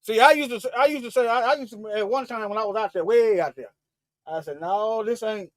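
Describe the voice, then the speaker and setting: A man preaching fervently in a livestream, repeating himself and restarting phrases, swinging between loud emphatic bursts and low asides. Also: fast, dry recording, studio quality. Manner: fervent, repetitive, with frequent restarts. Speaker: online Bible teacher.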